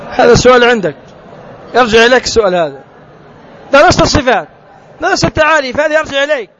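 A man with a very high voice leads a tajweed lesson. He quizzes his students and says letter sounds over and over for them to copy. The recording is dull and lo-fi, made outdoors. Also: rapid-fire, a bit bright, some chatter behind, slight background noise. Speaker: Quran recitation teacher.

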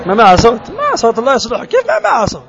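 A man's voice: very high voice, huge pitch swings, very fast, muffled recording, crowd noise. A man teaching a Quran recitation lesson, quizzing his students and repeating letter sounds for them to copy.

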